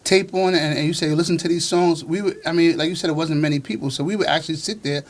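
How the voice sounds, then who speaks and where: A man's voice: fairly high pitch, fairly even intonation, fast talker. A man from Flushing with a Queens accent, telling stories in slangy, casual conversation as an interview guest. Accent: Queens, New York. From Flushing, Queens, New York. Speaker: podcast guest, rapper.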